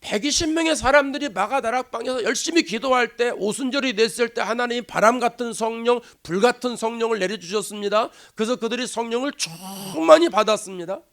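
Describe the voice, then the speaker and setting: Korean pastor guy preaching in church, pretty high voice, acts out the lines then goes real quiet. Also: a little fast, few pauses. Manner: animated preaching, acts out quoted voices, drops to a hush. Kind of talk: sermon. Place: church sanctuary.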